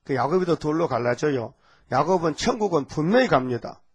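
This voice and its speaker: A man's voice: fairly high pitch, animated, a little fast, husky. An older man, a pastor with a Gyeongsang Korean accent, preaching a rambling, folksy sermon and often checking in with the congregation. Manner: rambling, folksy, constant call-and-response asides.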